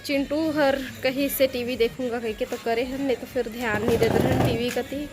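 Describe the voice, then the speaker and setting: High-voiced Chhattisgarhi woman vlogging casually. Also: steady tone, moderate pace, heavy background noise. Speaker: home vlogger. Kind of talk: casual vlog chat. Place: at home in the evening.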